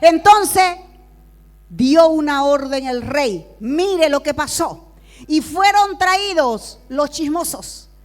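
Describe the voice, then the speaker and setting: A woman with a high voice reads scripture slowly and deliberately in a Sunday school sermon. She is a prophet who preaches with rising fervor and firm declarations. Her unhurried reading lets each phrase stand alone.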